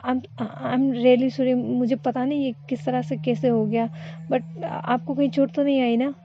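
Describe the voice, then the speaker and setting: A woman's voice: high voice, little pitch movement, dull audio, voice pushed up. A woman voicing an anxious, caring young woman who keeps asking worried questions in a storybook tale. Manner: worried, pleading, fast questions.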